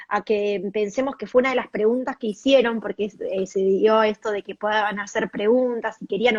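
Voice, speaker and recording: A woman's voice: a little high, lo-fi sound. A woman hosting a conversational interview, affirming her guest and talking in loose restarts. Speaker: host.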